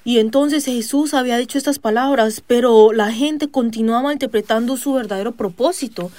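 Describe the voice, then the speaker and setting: A woman with a slightly raised voice preaches a sermon. She tells the story at a measured pace, pausing often to hesitate and stopping to put questions to her listeners. The recording is dry and close, with no room sound. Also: on the high side, a little mellow, dry recording. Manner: measured, with frequent hesitant pauses. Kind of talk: sermon retelling a Bible story.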